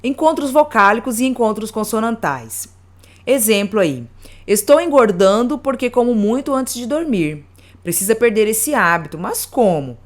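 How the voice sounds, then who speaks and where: A woman teaching a grammar lesson, reading out examples slowly and deliberately word by word. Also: a little high, expressive.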